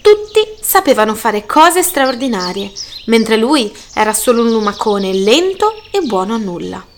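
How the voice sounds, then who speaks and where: Woman storyteller, children's book read-aloud, higher voice, soft background hum. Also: unhurried. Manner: gentle, lively read-aloud with voiced characters.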